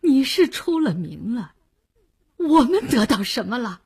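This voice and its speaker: A desperate middle-aged businessman, drawn-out and swinging widely in pitch, as a woman reads him in a storybook. He begs slowly, then jeers with bitter scorn. The voice is husky throughout. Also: very animated, a little mellow, exaggerated voice. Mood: aggrieved. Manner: pleading then bitterly mocking, slow and drawn out.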